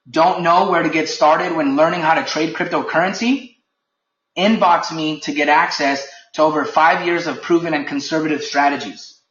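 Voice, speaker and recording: Presenting a webinar briefing for his company, a man uses a fairly bright, slightly high voice. His tone is firm, emphatic, and lightly heated, captured in dull, echoey lo-fi audio.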